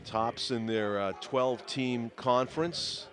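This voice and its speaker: A man's voice: medium pitch, slow, a crowd in the background. A man doing play-by-play commentary for a youth basketball game in a school gym. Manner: steady play-by-play calling names. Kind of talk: local sports commentary. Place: school gymnasium. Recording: noisy gym ambience.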